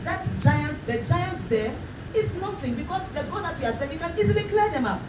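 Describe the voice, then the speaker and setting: A woman's voice: very high-pitched, animated, fairly quick. A woman pastor delivering a fervent church sermon, using emphatic repetition and rhetorical questions to the congregation. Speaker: pastor preaching. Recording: roomy, distant mic, clearly noisy.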